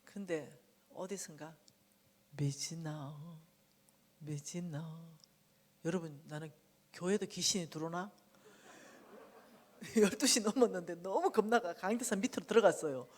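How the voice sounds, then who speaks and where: Speaking at a moderate pace in a voice on the low side, a middle-aged guest speaker delivers a testimony sermon at a revival meeting. She brings her story to life with animated storytelling, loudly acting out what people said. The church sanctuary lends it a hall reverb.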